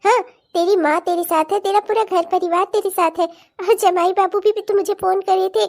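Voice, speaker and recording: A woman's voice: very high voice, steady tone. A woman voicing a fond, protective middle-aged mother who speaks tenderly to her daughter. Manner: tender, warm-hearted, quick to defend.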